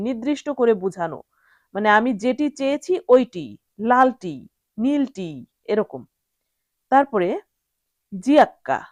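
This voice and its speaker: A woman teaching a language lesson, repeating each word slowly and carefully to explain it. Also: fairly high pitch, no echo.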